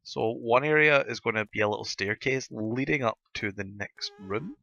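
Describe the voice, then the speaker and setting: A Scottish man with a gruff, sore-throated voice, hosting a casual gaming video and rambling as he thinks aloud. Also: medium pitch, normal speed, bright, forceful tone, highs cut off. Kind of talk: casual Minecraft let's-play commentary.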